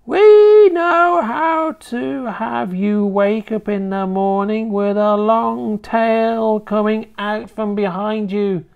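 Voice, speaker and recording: A storybook reader voicing a sinister, witch-like old grandmother who taunts and threatens in a drawn-out way, slipping into a throaty whisper. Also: vocal fry, clear, resonant tone, narrow, tinny audio. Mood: rising, menacing. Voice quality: shrill and cackling, dropping to a throaty whisper. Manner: slow, drawn-out menacing delivery. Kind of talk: storybook reading.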